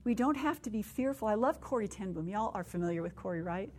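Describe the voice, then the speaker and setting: A woman's voice: medium pitch, fast, a little hiss or hum. Earnest woman preaching to women. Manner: earnest, emotional, swings from hushed to excited. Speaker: women's conference speaker. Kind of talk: sermon with personal story.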